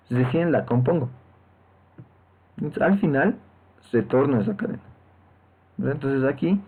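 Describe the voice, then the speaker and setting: A man walks students through code in a screen-recorded lesson, talking at a middle pitch. He explains each step and keeps checking in with short tag questions. His voice comes through a thin, phone-like microphone. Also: breathy edge. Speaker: programming teacher. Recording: tinny lo-fi phone-like mic.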